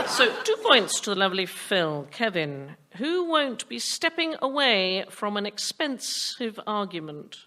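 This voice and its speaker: A woman hosts a comedy panel quiz, teasing the guests in a dry way. Her pitch moves a lot. Audience laughter and some background noise run under her voice. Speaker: quiz show host. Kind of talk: comic panel show hosting.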